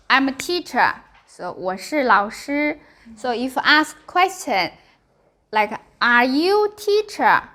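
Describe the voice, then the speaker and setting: Bright, high-pitched woman teaching Chinese, Chinese accent. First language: Mandarin Chinese. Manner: simple clipped English, short phrases with frequent check questions. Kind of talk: live beginner language lesson, explaining with examples.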